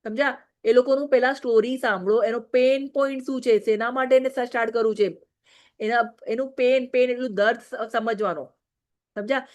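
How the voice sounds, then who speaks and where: A woman's voice: on the high side, fairly even intonation, brisk, a little mellow. A married woman giving a direct, scolding training talk to her business team, often checking "okay?". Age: adult, married.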